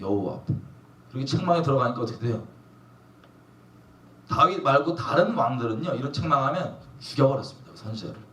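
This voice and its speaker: A man's voice: a little high, a bit bright, slight background noise. Emphatic male preacher in an echoey hall. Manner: emphatic, asks the congregation questions. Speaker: pastor. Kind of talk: sermon. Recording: echoey room from a distance.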